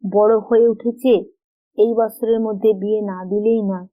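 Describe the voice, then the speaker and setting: A woman's voice: mid-range voice, steady tone, measured pace, narrow, tinny audio, close to an everyday voice. A woman narrator voicing a worried, practical middle-aged mother who speaks earnestly and sometimes scolds.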